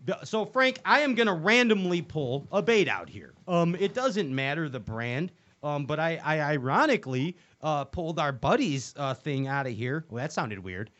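A man hosts a casual fishing chat, rambling and joking through plenty of fillers. His voice sits a bit high and swings widely. The recording is dull and lo-fi. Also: big pitch swings, moderate pace, few pauses, a bit bright. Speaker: host. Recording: dull lo-fi sound.

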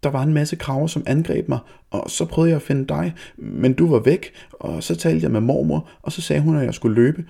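A man's voice: fairly high pitch, sing-song, gravelly, dark tone, husky, voice pushed up, exaggerated voice. Frightened young girl, breathless rush of words, man putting it on. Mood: panicked. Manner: breathless rushed chatter.

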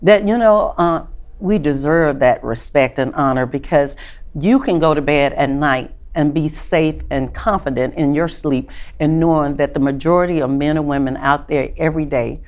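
Woman, Tennessee Southern accent, older, deep voice, confident, upbeat, interview guest. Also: normal speed, darkish tone. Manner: confident, upbeat, faith-filled, emphatic. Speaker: retired Secret Service agent, guest. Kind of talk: conversational interview storytelling.

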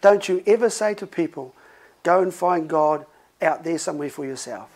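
In this sermon, a middle-aged man of the cloth speaks conversationally, weaving in lively stories and laughter. His pitch is fairly high, his speed normal, and the audio quality is low.

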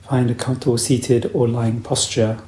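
In a roomy-sounding recording, a man leads a guided meditation as the teacher. His medium-pitched voice stays calm and soothing, and he instructs without hurry.

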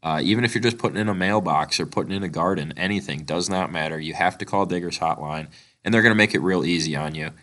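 Low bright-voiced male podcast host with a cold. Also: fast talker. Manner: a bit monotone, filler-heavy. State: chest cold. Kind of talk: sponsor read and interview.

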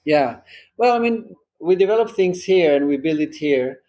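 A man's voice: fairly high pitch, animated, normal speed, dark tone. A man talks through his answers in a conversational interview. He is earnest and practical, and he leans on concrete examples to make his points. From Israel. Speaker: drone company founder.

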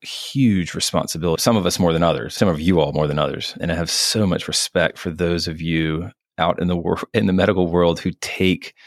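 Deep-voiced earnest man, dry sound. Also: dry recording. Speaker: physician guest. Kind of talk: reflective interview talk.

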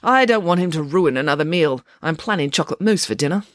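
A woman's voice: low-pitched, lively intonation, quick pace, no room sound, studio quality. A woman voicing a bossy, indignant female pig nanny in a children's storybook, with dramatic, emphatic declarations. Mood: scornful.

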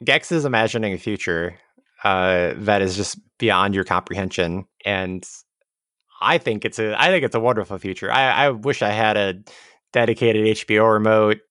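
A man's voice: lowish voice, moderate pace, fairly bright tone, clean tone, dry recording, studio quality. A man chatting casually as a podcast co-host about a video game, with a wry, jokey, ironic way of riffing.

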